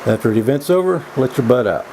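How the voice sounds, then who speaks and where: A man giving a casual, opinionated vlog monologue in a folksy, halting way, often repeating his words as he goes. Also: medium pitch, lively intonation, creaky, darkish tone, slight background noise, low-quality recording. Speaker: vlog host. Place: indoors.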